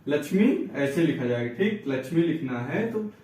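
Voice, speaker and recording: Male teacher, patient explainer, slightly high voice, recorded off-mic in a booming room. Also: expressive, darkish tone, far from the mic. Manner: explains patiently, repeats words slowly, asks and answers his own questions. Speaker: Hindi teacher. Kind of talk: spelling and reading lesson. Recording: echoey room, voice away from mic.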